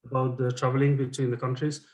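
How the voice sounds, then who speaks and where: A man adding points to a training session in a measured way, with fillers now and then. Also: medium pitch, little pitch movement, reverberant, poor audio. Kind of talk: online training discussion.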